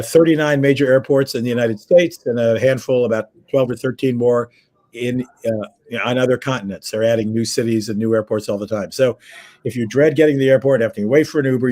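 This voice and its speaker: Speaking from his home over a video call, a man hosts a casual travel news chat while nursing a head cold that leaves his voice froggy. His medium-pitched, slightly mellow voice wanders chattily, full of fillers.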